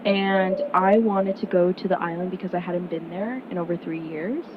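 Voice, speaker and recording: Her lowish voice comes through dull, muffled lo-fi audio with a steady rumble. She's a young student speaker from Miami at an information session, earnest and conversational, moving at a moderate pace and using "like" and "um" a lot in her casual presentation to prospective students.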